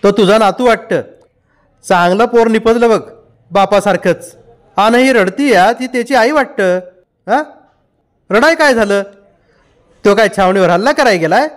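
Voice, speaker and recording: A man's voice: high voice, normal speed, long pauses, pitched above the performer's own voice, close to an everyday voice. A man voicing a teasing village horseman in a novel reading, full of mocking banter.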